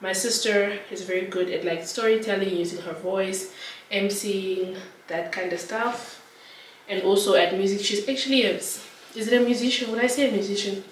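A woman's voice: medium pitch, steady tone, normal speed, reverberant, a little hiss or hum. Young woman, casual vlog chat, rambling with fillers, distant camera mic, clattering dishes. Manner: chatty, rambling, many fillers. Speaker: vlogger. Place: home kitchen.

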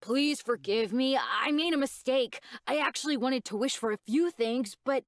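Lying young schemer, flat storybook read-aloud, a woman voicing him. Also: sits high, moderate pace, dry recording, clean studio sound, pitched above the performer's own voice. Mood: pleading. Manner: pleading then threatening.

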